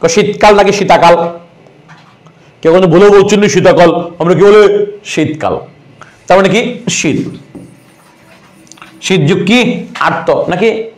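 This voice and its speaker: Teasing high-voiced man teaching grammar. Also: measured pace, pauses often. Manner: rhetorical questions, answers them himself, teasing. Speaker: exam prep teacher. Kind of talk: online grammar class.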